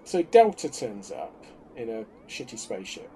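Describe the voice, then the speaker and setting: A man's voice: medium pitch, big pitch swings, moderate pace, mellow, slight background noise. A man co-hosting a podcast in casual chat, sardonic and exasperated. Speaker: podcast co-host.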